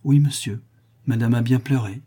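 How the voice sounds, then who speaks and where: A man's voice: mid-range voice, normal speed, warm tone, husky, close to an everyday voice. A man reading aloud and voicing a shrewd lady's maid in her late thirties who answers politely and plainly. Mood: matter-of-fact.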